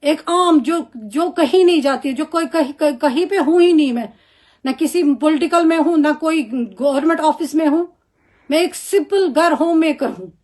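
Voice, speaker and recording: A Kashmiri-accented woman speaks in a high voice, her tone indignant and scolding as she rebukes people directly. She is a homemaker making an impassioned statement to the camera. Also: normal speed, a little mellow. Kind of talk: impassioned social media statement.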